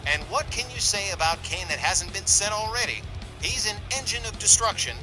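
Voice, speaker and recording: High-pitched male wrestling commentator over music. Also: expressive, moderate pace, poor audio.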